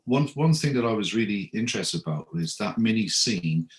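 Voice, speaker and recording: A man's voice: fairly low pitch, animated, normal speed, poor audio. A man interviewing a musician, asking long searching questions with many fillers. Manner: hesitant, searching for words with fillers.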